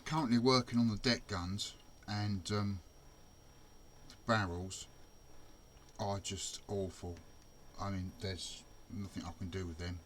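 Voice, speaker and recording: A man with a lowish voice talks through his model build at a home workbench. He chats in a relaxed, self-deprecating way, half muttering to himself while he works. A faint hum of the room sits behind him. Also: unhurried, rough recording. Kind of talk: casual build commentary.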